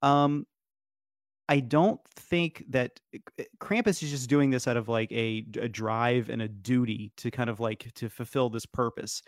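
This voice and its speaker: A man in casual conversation who rambles through his points with plenty of fillers and false starts. His voice sits at a middle pitch, recorded close and dry with no room sound. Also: unhurried, no room sound. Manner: rambling, many fillers and restarts, laughs often. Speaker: podcast guest. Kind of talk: casual debate chat.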